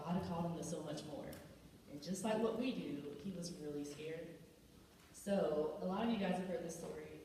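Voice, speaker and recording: A woman's voice: on the low side, warm tone, slight background noise. A young woman in her twenties giving a casual youth sermon, chatty and full of "like" and "y'all". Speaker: youth ministry speaker. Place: large banquet hall. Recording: echoey hall from far off.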